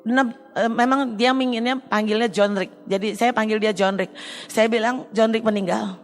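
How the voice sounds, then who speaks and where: A middle-aged woman giving an earnest, halting personal testimony in church. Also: on the high side, fairly even intonation, faint music behind. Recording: long hall reverb.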